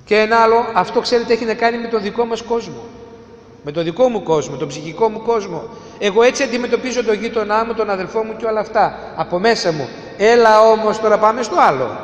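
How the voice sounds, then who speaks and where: A man with a high voice delivers an emphatic sermon, full of rhetorical questions. He swings between raised, urgent lines and hushed ones. The sound rings through a reverberant hall with a long, lingering tail. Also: animated. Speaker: preacher.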